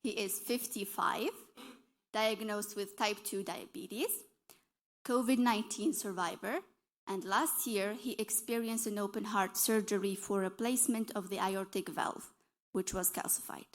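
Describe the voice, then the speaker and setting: A woman's voice: medium pitch, steady tone, a little slow, a little hiss or hum. A young woman from Algeria giving a conference presentation as a dietitian, explaining earnestly and correcting herself as she goes. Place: conference session hall.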